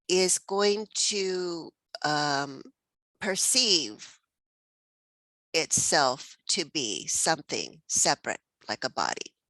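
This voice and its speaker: Hosting a spiritual text study group, this woman from Mexico reflects aloud, laughing often and filling her speech with fillers and restarts. Her voice sits low with a slightly bright quality, in a dry recording.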